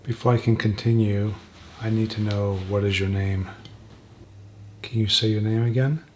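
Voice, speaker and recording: A soft-spoken man hosting a spirit box session, asking gentle questions slowly and leaving pauses for an answer. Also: lowish voice, steady tone, slight background noise. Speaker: paranormal investigator, host.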